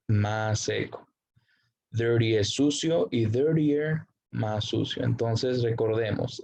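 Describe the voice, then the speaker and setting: A man teaching an English grammar lesson, slowly explaining the rules, spelling out letters and translating every example. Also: medium pitch, gravelly, a little mellow.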